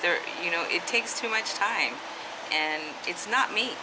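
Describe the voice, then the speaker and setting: A woman's voice: on the low side, a little slow, noisy background. A woman in her fifties, an artist vlogger, talks casually into a handheld camera at a neighborhood deli store, hesitant and full of ums and restarts. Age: 50s. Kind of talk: casual vlog monologue.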